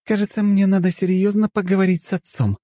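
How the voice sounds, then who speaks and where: A man's voice: sits high, level tone, fairly quick, mellow, no echo, clean studio sound, pitched above the performer's own voice, close to an everyday voice. A man voicing an outspoken, impatient young princess in an audiobook. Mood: excited. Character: fiery young female princess.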